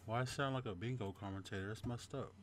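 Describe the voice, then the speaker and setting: A man's voice: fairly low pitch, quick pace, a little hiss or hum. Laid-back man hosting a livestream. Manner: laid-back, greets viewers by name. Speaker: channel host. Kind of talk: casual livestream chat. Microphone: desk microphone.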